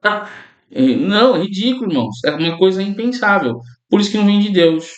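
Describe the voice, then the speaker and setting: A male pastor delivers a sermon in a fairly high voice. He talks to his listeners like a conversation, often calling out to them and checking in with them. The room around him is echoey. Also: animated, fairly quick, lo-fi sound. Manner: conversational preaching, often addresses listeners as brothers and tags lines with "né?".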